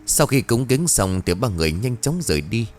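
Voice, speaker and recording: A man narrating a ghost story with lively, dramatic storytelling. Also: mid-range voice, brisk, faint music behind.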